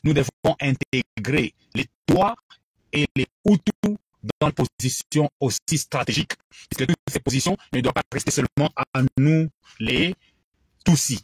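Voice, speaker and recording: A man's voice: on the high side, normal speed, slightly rough, no echo, low-quality recording. A man from Congo with a Congolese French accent, giving a bilingual preaching address that switches between French and English, emphatic and repetitive. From Democratic Republic of the Congo.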